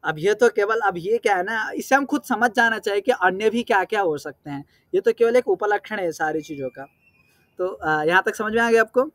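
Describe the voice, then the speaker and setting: A man teaching a class, explaining terms patiently, reciting verse words slowly and often checking whether his students understand. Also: sits high, fairly bright tone, no echo, clean studio sound. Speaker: Sanskrit teacher. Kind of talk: explanatory lesson.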